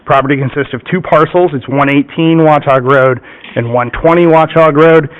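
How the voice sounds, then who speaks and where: A man representing an applicant, giving a formal, methodical presentation at a public hearing and pausing often to check in with "okay?". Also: fairly high pitch, steady tone. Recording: muffled meeting-room recording.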